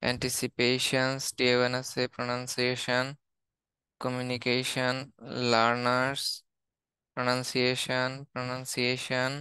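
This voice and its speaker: A man's voice: medium pitch, a little slow, smooth, no room sound. A man with a Bangladeshi accent, an English teacher reading out a word list one word at a time in a lesson. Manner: steady, listing words one by one.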